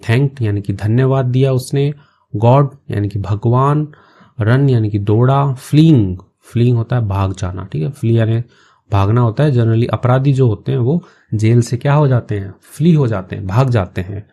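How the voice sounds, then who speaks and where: Gravelly-voiced man teaching English. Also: medium pitch, warm tone. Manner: slow, patient word-by-word explanations. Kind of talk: explaining an English story in Hindi.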